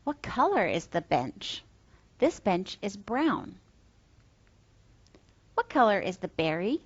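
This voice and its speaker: A woman's voice: mid-range voice, big pitch swings, slow, husky. A woman giving a question-and-answer lesson for young learners, as if reading to a toddler, asking simple questions and answering them plainly. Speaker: children's English teacher. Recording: slightly dull, dry close sound.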